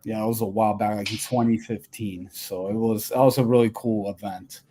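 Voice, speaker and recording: A man's voice: on the low side, steady tone, a little fast, mellow, slight background noise. A man from Albania co-hosting a sports call-in show, chatting casually with many fillers and restarts. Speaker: co-host.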